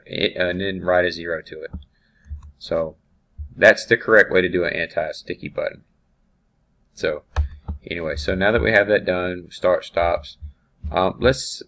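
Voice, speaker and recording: A man teaching automation software over a screen recording, thinking aloud with ums and restarts. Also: low voice, gravelly. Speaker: automation instructor.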